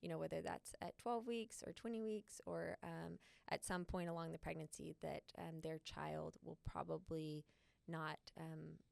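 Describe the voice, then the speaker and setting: A low-voiced woman with heavy vocal fry co-hosts a podcast, explaining things earnestly and pausing often on fillers. Her voice is smooth and resonant under the rasp, recorded close and dry. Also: fairly even intonation, darkish tone, no room sound. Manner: earnest, thoughtful, many filler pauses. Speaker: podcast co-host. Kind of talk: casual podcast chat.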